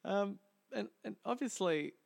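A man's voice: sits high, lively intonation, a little slow, vocal fry, no echo. A man interviewing a voice actress, asking long, eager questions like an enthusiastic fan.

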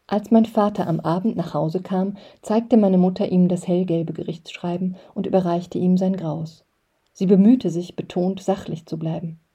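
A woman reading an audiobook aloud in calm, measured first-person narration. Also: on the low side, breathy edge, lo-fi sound. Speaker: reader.

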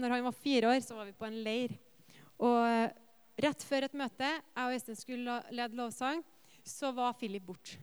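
Smooth-voiced woman preaching a sermon. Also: a little high. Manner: earnest, lively storytelling with personal anecdotes; rhetorical questions to the congregation. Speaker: preacher and worship leader.

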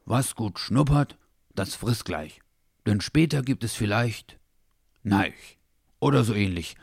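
A man voicing a greedy, dreamy male Labrador mix in a storybook reading, with a drawn-out, longing way of talking. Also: lowish voice, lively intonation, gravelly, no room sound, studio quality, full character voice. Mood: matter-of-fact.

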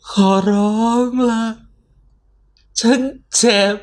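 A woman voicing a ghostly woman who cries and pleads for help in a high, strained voice. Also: extremely slow. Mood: sobbing plea.

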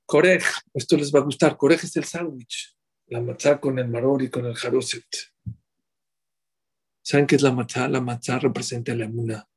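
A middle-aged man giving a sermon as a rabbi, animated and full of rhetorical questions to his listeners. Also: medium pitch, moderate pace, husky.

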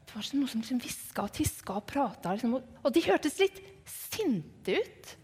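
A woman storyteller with a high voice recounts the story to children as an eyewitness. She is lively and dramatic, sinking into hushed whispers at tense moments, and a long reverb hangs behind her. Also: breathy edge.

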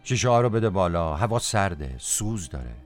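A man's voice: deep voice, very animated, faint music behind. A man playing an anguished, irritable passenger haunted by guilt, speaking in terse repetitions in a poetic audio drama.

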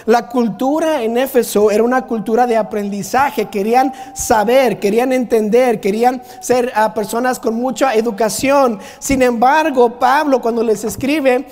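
A man's voice: very high voice, steady tone, normal speed, few pauses, darkish tone. A male pastor preaching a sermon, emphatic and full of rhetorical questions. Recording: long hall reverb.

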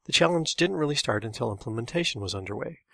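A man's voice: medium pitch, lively intonation, quick pace, creaky, a bit bright, dry recording. A man reading a memoir in a dry, matter-of-fact scripted narration.

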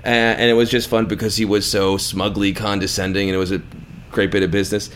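A man co-hosting a podcast, giving opinionated, animated commentary in casual film chat. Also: on the low side, fast, a little hiss or hum. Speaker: podcast co-host.

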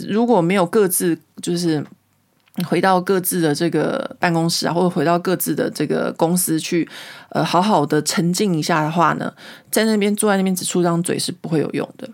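A woman, hosting a podcast and telling a story in a casual, animated way. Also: on the low side. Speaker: podcast host.

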